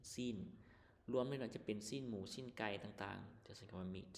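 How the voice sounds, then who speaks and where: A man's voice: on the low side, moderate pace, creaky, darkish tone, in a large hall, slight background noise. A male English teacher walks through vocabulary, patiently repeating each word and translating it. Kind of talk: vocabulary lesson explanation.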